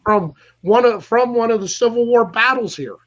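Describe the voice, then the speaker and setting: A man's voice: very high voice, normal speed. A man, hosting a casual interview chat and telling rambling stories with many restarts. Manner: loose, rambling storyteller with frequent restarts. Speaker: podcast host. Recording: dull lo-fi audio.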